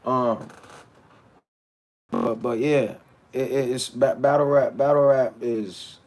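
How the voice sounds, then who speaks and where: Talking back to his chat, a battle rapper streaming live delivers a blunt, animated rant, often restarting words mid-answer. His medium-pitched, slightly mellow voice moves slowly with fairly even intonation.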